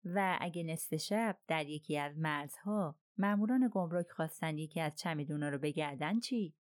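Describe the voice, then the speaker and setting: A woman's voice: sits low, no room sound, clean studio sound, close to an everyday voice. A woman reading the part of a polite, thoughtful middle-aged male detective in an audiobook, speaking courteously and musingly. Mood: polite questioning.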